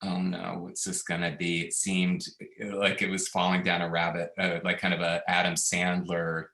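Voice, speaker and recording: Man, very low voice, bright tone, rambling chatty movie talk, echoey room. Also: monotone, normal speed. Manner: rambling, chatty, with fillers and trailing thoughts. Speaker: co-host. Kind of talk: casual movie review chat.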